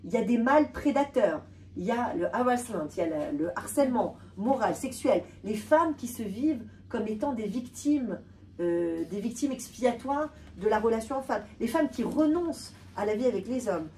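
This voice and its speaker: A woman giving an animated talk to an audience, often repeating and restarting words. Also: on the high side, normal speed. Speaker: lecturer. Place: hall with a live audience. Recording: distant voice with faint room noise.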